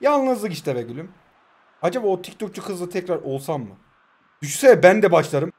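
A man's voice: high voice, moderate pace. A young man in his twenties giving casual, joking play-by-play commentary over a mobile football game, teasing himself and his viewers. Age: 20s. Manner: joking, teasing self-talk; excited play-by-play.

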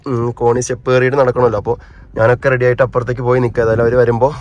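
A man's voice: mid-range voice, little pitch movement, racing, a little mellow, dull audio. A man chatting casually to his viewers as he films his own family vlog, rambling and talking straight to the camera. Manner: teasing with family. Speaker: vlogger.

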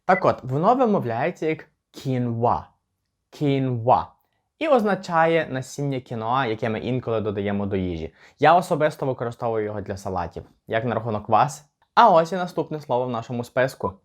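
A man's voice: medium pitch, sing-song. Chatty man teaching English pronunciation. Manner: chatty, slows down to spell out words. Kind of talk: casual pronunciation lesson.

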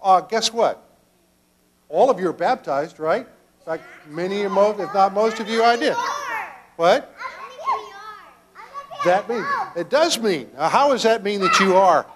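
Older male pastor, children's sermon, slow and halting delivery, fairly high voice, church sanctuary. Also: lively intonation, noisy background. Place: church sanctuary, children seated around him.

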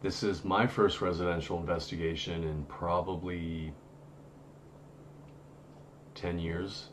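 Casual streamer, man in his 30s, deep voice, slow and rambling, home-studio mic with faint background noise. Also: steady tone. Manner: rambling, many fillers and restarts. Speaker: host of a paranormal live stream. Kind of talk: casual live-stream chat.

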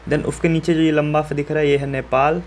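Friendly male teacher, slightly high voice. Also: little pitch movement, a little fast, slight background noise. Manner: friendly, step-by-step, reassuring, asks viewers questions. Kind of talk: map-filling lesson for school students.

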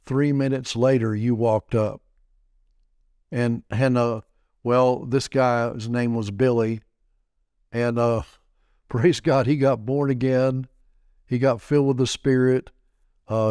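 A man's voice: mid-range voice, darkish tone, smooth, no room sound. Man telling a sermon story. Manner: conversational, with frequent restarts and stammers. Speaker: pastor and TV teacher.

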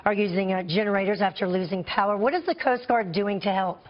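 An American woman in her thirties anchoring breaking news from a TV studio, speaking in a brisk news delivery. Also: medium pitch, dull audio.

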